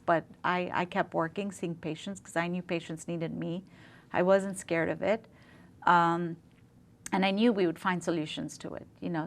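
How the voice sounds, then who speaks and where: Enthusiastic woman dentist from Zambia. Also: lowish voice. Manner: enthusiastic, warm storytelling with frequent fillers. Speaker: dentist, interview guest. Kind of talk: casual interview talk.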